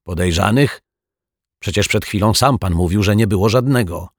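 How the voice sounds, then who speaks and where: A man voicing a hot-tempered male building caretaker who shouts indignantly, in a storybook reading. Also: on the low side, normal speed, breathy edge, no room sound, clean studio sound. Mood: irritated.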